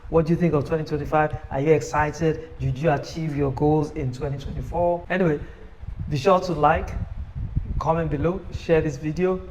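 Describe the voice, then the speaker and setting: A man giving an upbeat, persuasive sales pitch for his own book, recorded on a phone camera. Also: fairly even intonation, normal speed, a little mellow, muffled recording, a little hiss or hum. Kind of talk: motivational self-promotion video.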